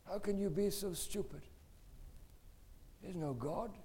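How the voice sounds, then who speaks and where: A cruel, scornful company owner, as a man puts him on with harsh ranting. The voice stays high and mellow even when raised. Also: takes it slowly.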